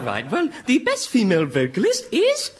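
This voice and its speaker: A man playing a bumbling, slow-witted award presenter in a comedy show, hesitant and easily confused. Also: extremely high pitch, huge pitch swings, full character voice. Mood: muddled, apologetic. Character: dim, bumbling, cheerfully muddled male award presenter. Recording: very noisy live recording.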